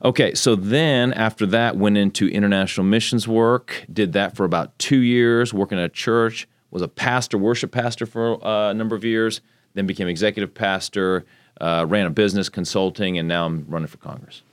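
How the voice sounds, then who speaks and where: A male congressional candidate from Texas, United States, appears as a guest in a casual interview, speaking briskly in a deep voice. He is chatty and rambling, telling faith-focused stories. The audio is studio quality with no room sound.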